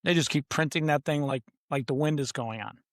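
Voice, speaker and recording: With a fairly high, fairly bright voice and a fairly quick pace, this podcast guest and author makes short, emphatic declarations and repeats them for dramatic effect while staying conversational. The studio sound is clean and echo-free.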